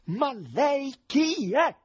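A man's voice: medium pitch, huge pitch swings, takes it slowly, husky, no room sound, highs cut off, exaggerated voice. A man voicing a suspicious, rude male building manager who questions sharply.

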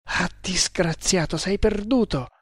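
A man puts on a frightened young woman who pleads and warns in a trembling, breaking voice. She sits a little high and lifts sharply in her despair. The reading is dry and close. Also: unhurried, darkish tone, no room sound, close to an everyday voice. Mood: anguished pleading. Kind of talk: audiobook reading.

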